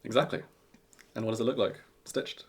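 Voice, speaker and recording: A man with a fairly low voice talks as a podcast co-host. His delivery is casual and conversational, like someone chatting about a small business. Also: steady tone, brisk, breathy edge.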